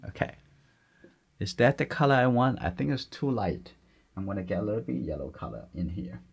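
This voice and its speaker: Gentle, low gravelly male painting instructor. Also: big pitch swings, fairly quick. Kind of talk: step-by-step painting demonstration, unscripted.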